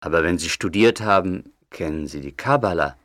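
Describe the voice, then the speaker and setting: A gruff, blunt grumbler. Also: male voice, deep voice, animated, normal speed, fairly bright tone, no echo, clean studio sound. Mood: curious. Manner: blunt, agitated, rough-spoken. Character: gruff suspicious older man, blunt and grumbling. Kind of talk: audio drama acting.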